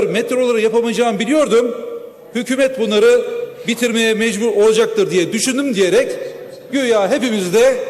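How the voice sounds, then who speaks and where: A man with a high voice speaks into a rostrum microphone in a big chamber. He delivers an emphatic, accusing floor speech that climbs toward sharp rhetorical questions. A long hall reverb trails his words. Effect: speaking into a rostrum microphone in a large chamber. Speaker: member of parliament. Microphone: fixed rostrum microphone.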